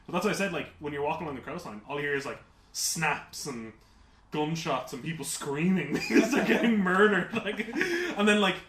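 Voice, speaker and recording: A man co-hosting a casual gaming podcast, telling rambling, animated stories full of "like"s. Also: on the high side, fairly quick. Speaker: podcast co-host. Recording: roomy with faint hiss.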